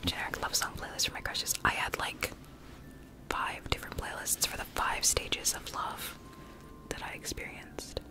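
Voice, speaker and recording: A young woman in her late teens whispering close to a studio mic in her bedroom, reading chat messages aloud and answering them in whispered live-stream chat. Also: moderate pace. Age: young adult. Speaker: ASMR streamer. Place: bedroom with plush toys, indoors. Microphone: studio mic close in front.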